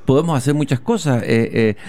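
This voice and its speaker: A man's voice: medium pitch, brisk, dark tone, dry recording. A man hosts an interview about teaching, thoughtful and a little hesitant. He restarts often as he works out his questions. He talks outdoors in a school patio. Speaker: interviewer host. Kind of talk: conversational interview.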